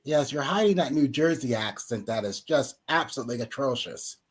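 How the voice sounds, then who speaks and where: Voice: medium pitch, animated, a little fast, slightly rough. A co-host in a casual chat who teases and scolds in a dry way.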